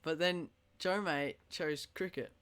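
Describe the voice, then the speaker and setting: A teenage boy hosting a casual podcast chat, excitable and swearing casually. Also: on the high side, slow, clear, resonant tone. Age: teens. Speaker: podcast host.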